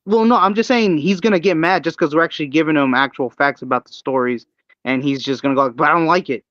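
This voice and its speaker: A man co-hosting a podcast, chatting casually with quick, mildly sarcastic interjections. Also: on the high side, fairly even intonation, fairly bright tone, dry recording, highs cut off. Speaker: podcast co-host. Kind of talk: casual reaction chat.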